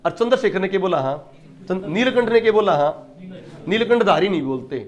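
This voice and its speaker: Male tutor, high-pitched, emphatic lecture style with rhetorical questions. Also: animated, a little fast. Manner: emphatic, asks questions and answers them himself. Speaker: teacher. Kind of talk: exam-prep lecture.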